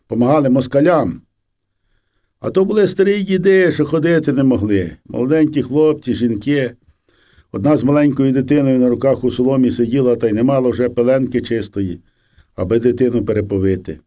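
A man narrating a memoir as an audiobook, in a steady, measured reading. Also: mid-range voice. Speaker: audiobook reader.

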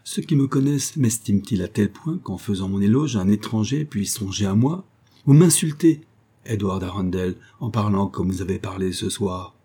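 A man's voice: lowish voice, normal speed, few pauses, warm tone, breathy edge. A man reading an audiobook, voicing a proud, bitter young woman of twenty-three who speaks coldly and with restrained resentment. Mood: cold indignant.

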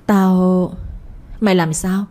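Angry vengeful village man voiced by a woman, threatening, fast, mellow-dark. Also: lowish voice, steady tone. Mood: furious. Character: grieving vengeful young village man Lập.

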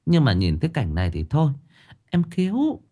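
Man voicing a gossiping middle-aged woman, high chatty voice, sighing, storybook. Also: huge pitch swings, moderate pace, warm tone. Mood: gossipy.

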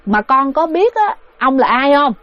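A woman voicing an elderly male relative who slowly coaxes a spirit to let go. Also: high-pitched, big pitch swings, dry recording, full character voice. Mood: stern. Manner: slow, gently persuasive. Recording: dull, dry recording.

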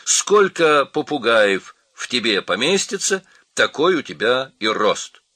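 A man voicing a bossy, know-it-all male parrot in a storybook reading, brisk and declaring. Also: mid-range voice, very animated, pushed and bright, no echo, pitched above the performer's own voice, full character voice.

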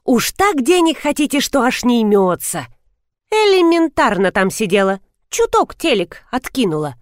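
Woman doing sly middle-aged auntie, brisk, cheeky, lively pitch, dry close sound. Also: no echo. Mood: mocking. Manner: brisk, cheeky, talks her way out. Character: sly middle-aged woman, bold quick-witted talker.

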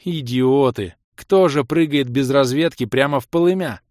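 A man reading an audiobook, voicing an indignant young woman player who shouts in outrage. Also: medium pitch, normal speed, no echo, clean studio sound, pitched above the performer's own voice, natural voice. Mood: furious.

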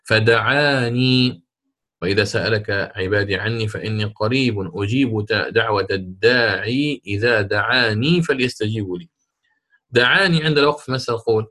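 A man teaching a lesson on Quran recitation rules, explaining step by step and stretching out example words slowly. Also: lowish voice, fairly bright tone. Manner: slow, drawn-out example words, repeats for emphasis.

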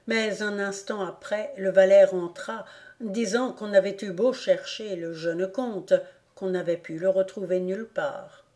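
A woman reading a classic novel aloud as an audiobook narrator, with measured, even storytelling. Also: medium pitch. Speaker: audiobook reader.

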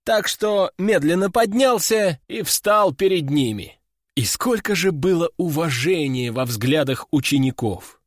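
A man giving an expressive, sardonic audiobook narration. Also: fairly high pitch, unhurried, no echo, clean studio sound.

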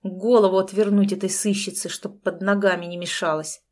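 A gloating male crook, voiced by a woman reading an audiobook sneers through his threats with easy, mocking confidence. His lines land louder and a touch higher than the plain narration around them. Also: level tone, a little fast, close to an everyday voice. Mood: gloating menace. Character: smug, menacing middle-aged male crook.

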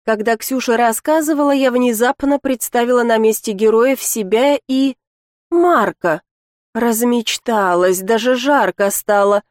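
A woman narrating a first-person audiobook in an even storytelling manner. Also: fairly high pitch, a little slow, dry recording, clean studio sound.

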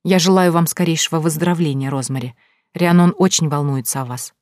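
A woman reader voicing a kind, dignified noblewoman who speaks calmly and gently. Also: low voice, brisk, no room sound, studio quality, lightly acted. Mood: gracious. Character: gracious noble mother-in-law, calm and kind.

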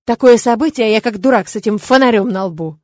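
A woman voicing a stern, irritable king and father who barks his words slowly and emphatically. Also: mid-range voice, expressive, mellow, no room sound, natural voice. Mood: grumbling.

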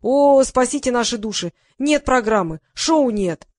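A woman's voice: on the high side, lively intonation, unhurried, darkish tone, no room sound, pitched above the performer's own voice. Woman playing a melodramatic young woman. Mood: dramatic. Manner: exclaiming, melodramatic.

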